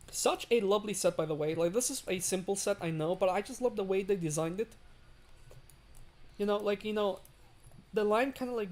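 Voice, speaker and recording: A livestream host chats casually while building a railway in a game, rambling with lots of fillers and greeting the chat. The voice sits in the mid-range and is a little mellow.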